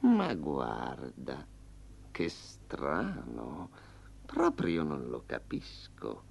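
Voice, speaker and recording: A man's voice: wildly swooping pitch, gravelly, a little mellow, breathy edge, full character voice. A man doing a sly purring storybook tiger. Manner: low purring growl, slow and drawn out. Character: smug hungry male tiger, sly and menacing. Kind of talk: storybook reading. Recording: slightly dull lo-fi.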